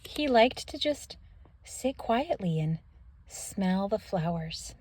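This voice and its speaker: A woman reading a children's story aloud theatrically, with expressive, dramatic emphasis. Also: mid-range voice, slow, breathy edge.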